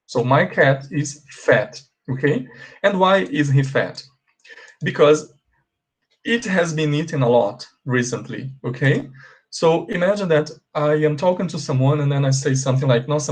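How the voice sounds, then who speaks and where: A man with a Brazilian Portuguese accent teaching English grammar, asking and answering his own questions and drilling example sentences slowly. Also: mid-range voice, expressive. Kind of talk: bilingual grammar lesson.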